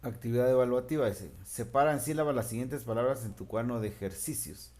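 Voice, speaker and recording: A man's voice: medium pitch, fast, darkish tone. A man teaching a remote class, patiently explaining and stretching out syllables.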